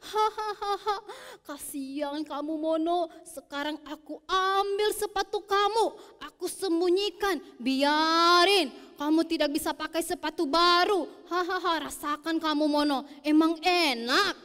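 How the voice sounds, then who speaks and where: A woman's voice: extremely high pitch, moderate pace, big-room sound. A woman voicing a jealous older boy who gloats and sulks. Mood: gloating. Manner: gloating, sulky.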